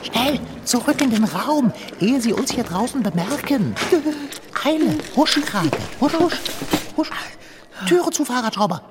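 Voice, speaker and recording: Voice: medium pitch, sing-song, measured pace. Eine Stimme spricht einen belehrenden, altmodisch gestelzten Kater-Seemann in einem Hörspiel. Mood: bossy. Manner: lofty, old-fashioned wording; bossy, lecturing. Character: pompous know-it-all tomcat sailor, male. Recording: long reverb with clear noise.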